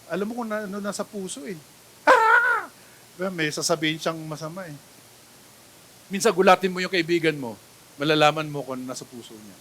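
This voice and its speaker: Over slight background noise, a Filipino-accented male pastor preaches at a quick pace in a somewhat high voice. Switching between Tagalog and English, he moves from loud outbursts to soft asides and keeps checking in with the congregation.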